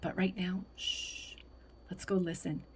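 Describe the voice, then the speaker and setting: A woman voicing a warm, unhurried elderly grandmother in a read-aloud storybook, speaking in a gentle, instructive way. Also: medium pitch, close to an everyday voice. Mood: hushed. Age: older. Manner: gentle and instructive, softly affectionate.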